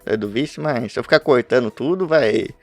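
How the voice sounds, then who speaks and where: Guy talking to his webcam, gravelly voice, keeps restarting his sentences, light music behind. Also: medium pitch, a little fast, dry recording. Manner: rambling, self-interrupting, laughs often. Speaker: podcast host reviewing manga. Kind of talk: casual talk to camera. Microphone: webcam setup at home.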